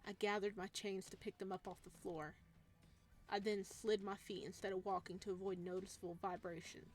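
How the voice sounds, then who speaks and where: This let's player narrates a visual novel, reading the game's text aloud and chatting casually as she goes, playful, giggly, and reactive. Her voice sits in the middle range with little pitch movement, and she talks fairly quickly.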